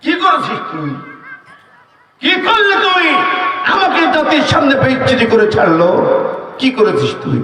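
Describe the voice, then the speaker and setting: A man's voice: very high voice, very animated, normal speed, fairly bright tone, voice pushed up, heavily acted. A male preacher voicing a shamed, tearful mother in a story, heard in an echoey hall from far off. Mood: distressed.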